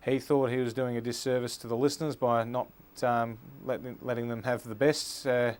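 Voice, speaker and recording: This is a young Australian man chatting through an interview answer. His voice is smooth and clear at a middle pitch, and he pauses often with ums and uhs. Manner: relaxed, with frequent ums and uhs. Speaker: stand-in race caller interviewed.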